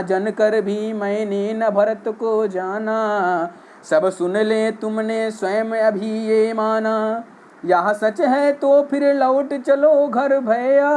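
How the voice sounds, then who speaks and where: A man teaching a Hindi poetry lesson, reciting each verse and then explaining it line by line in plain speech. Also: high voice.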